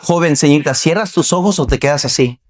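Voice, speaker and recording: A man preaching a Baptist sermon in a church, his voice sitting somewhat high for a man. He talks to the congregation like a conversation, firing off rhetorical questions and slipping into quoted voices. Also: fast. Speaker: pastor. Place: church sanctuary.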